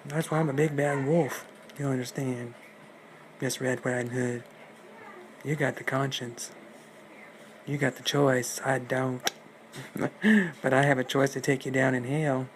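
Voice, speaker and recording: A man's voice: medium pitch, little pitch movement, unhurried, close to an everyday voice. A man voicing a sly, scheming male big bad wolf who taunts and menaces in slangy talk, on a noisy recording. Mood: taunting.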